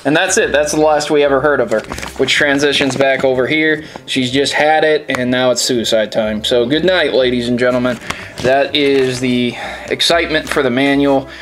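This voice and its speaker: A man's voice: mid-range voice, fairly even intonation, normal speed, fairly bright tone, a little hiss or hum. A man hosting a video, making casual, profane jokes about old manual pictures and laughing at his own remarks. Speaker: video host. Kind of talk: casual commentary on a game console manual.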